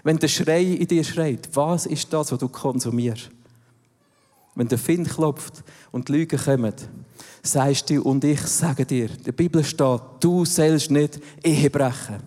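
A man's voice: medium pitch, unhurried, dark tone, in a large hall. A man preaching a sermon, emphatic and full of direct questions to the listener. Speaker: pastor.

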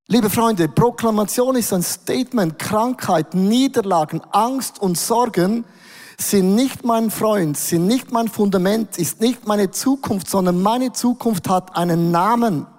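A man preaching a sermon as a worship leader, emphatic and declaring, his voice swelling louder. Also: high-pitched. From Switzerland. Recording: reverberant hall.

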